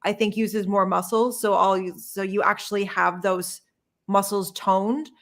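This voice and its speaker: A woman chatting casually on a podcast, with a voice of middling pitch for a woman. She talks emphatically and now and then trails off into uncertainty. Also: level tone, measured pace. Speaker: podcast co-host. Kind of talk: casual chat. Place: lives in Canada.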